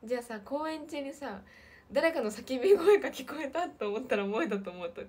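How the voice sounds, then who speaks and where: Breathy young woman chatting on a stream. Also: high voice, lively intonation, a little fast. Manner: chatty, drops into soft breathy half-whispers. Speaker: idol livestream host. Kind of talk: casual livestream chat reading comments.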